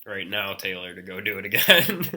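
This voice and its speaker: A man in his twenties, a podcast guest talking in a relaxed, casual way, often laughing and calling his friend "man" and "dude". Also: deep voice, moderate pace, very noisy. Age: 20s. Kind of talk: casual chat.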